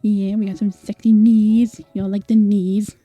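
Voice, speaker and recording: Over soft background music with no room sound, a woman speaks at medium pitch in a level, warm tone and measured pace. She's a Scottish vtuber who sounds mostly American, casually chatting with viewers, apologetic and full of fillers.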